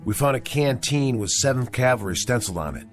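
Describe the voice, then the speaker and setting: A man's voice: medium pitch, lively intonation, fairly quick, music in the background, close to an everyday voice. An actor playing an earnest army sergeant who insists on what his patrol heard. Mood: insistent. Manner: earnest, respectful.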